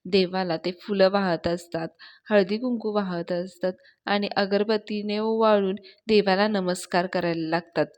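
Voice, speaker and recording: A woman's voice: medium pitch, fairly even intonation, moderate pace, a little mellow. A woman reviewing a TV serial episode, retelling the scenes in a casual storytelling way and addressing her listeners directly.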